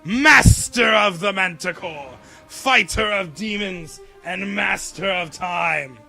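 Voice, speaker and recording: Boastful villain sorcerer with a booming, drawn-out voice, put on by a man running a tabletop game, raised higher. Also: gravelly, soft background music, heavily acted. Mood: boastful, menacing. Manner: booming, loud, slow proclamations. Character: boastful villainous male sorcerer, master of time. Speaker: game master.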